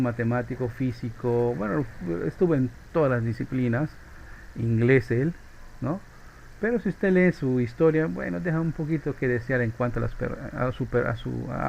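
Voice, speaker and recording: A Peruvian man with a Peruvian Spanish accent teaches a physics class in an informal, chatty lecture, often ending phrases with a questioning tag. His mid-range voice is creaky, and the rough recording has slight background noise.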